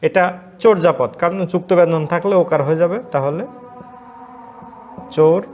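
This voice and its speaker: Lecturer from Bangladesh drilling pronunciation. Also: male voice, on the high side, steady tone, darkish tone, soft background music. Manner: explains step by step, repeats each word slowly, asks and answers his own questions. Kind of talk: online class lecture on pronunciation.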